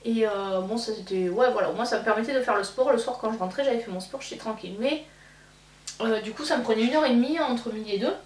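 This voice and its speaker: A woman's voice: fairly high pitch, quick pace. A woman in her thirties, a beauty vlogger chatting casually and rambling with many fillers while doing her makeup. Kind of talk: casual get-ready-with-me chat. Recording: echoey room, mic at a distance, faint hum.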